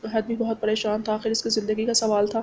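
Woman reading a novel aloud, flat and steady. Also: a little high, fast, a little hiss or hum. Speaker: audiobook narrator.

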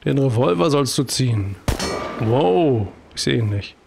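A man's voice: medium pitch, lively intonation, unhurried, vocal fry, background noise. A man with a German accent giving casual commentary as he plays a video game, chatty and talking to himself with jokey exclamations. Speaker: let's play host.

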